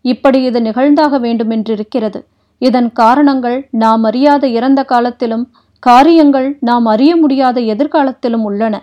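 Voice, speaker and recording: A woman voicing a stern, restrained old warrior-prince who speaks in a grave, measured, formal way, read for an audiobook. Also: on the high side, muffled recording, lightly acted. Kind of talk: audiobook character reading.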